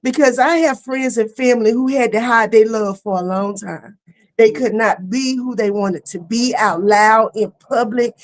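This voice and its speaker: A middle-aged woman hosting a casual online talk show, lively and laughing, with easy "y'all" talk. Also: on the high side, normal speed. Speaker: host. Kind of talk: casual chat. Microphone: streaming setup.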